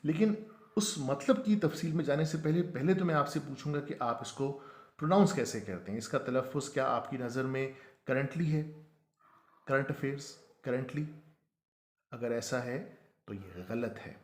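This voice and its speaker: A man teaching a pronunciation lesson, who slows right down to spell out each word. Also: medium pitch, echoey room. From Pakistan. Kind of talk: explanatory lesson.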